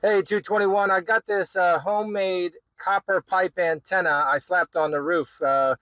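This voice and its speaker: A hobbyist video host with a high-sitting, fairly bright voice talks through a casual, hands-on demonstration in informal, folksy terms, keeping a measured pace and fairly even intonation. The rough recording has no echo but clear background noise and ambient sound.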